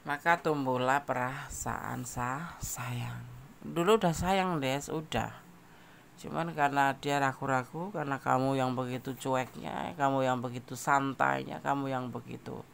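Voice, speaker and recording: A man's voice: mid-range voice, steady tone, moderate pace, vocal fry, a bit bright, a little hiss or hum. A man giving a casual tarot general reading, talking straight to the listener and repeating phrases. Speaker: tarot reader.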